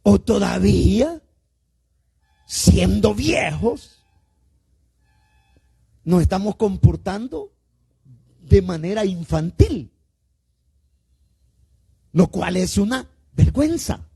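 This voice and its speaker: Man, Salvadoran Spanish accent, pastor, sermon, slow drawn-out delivery, raspy gravelly voice. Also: sits high, very animated. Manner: questions the congregation directly, calling them "hermano"; drawn-out emphatic words, swinging between loud and quiet. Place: church service.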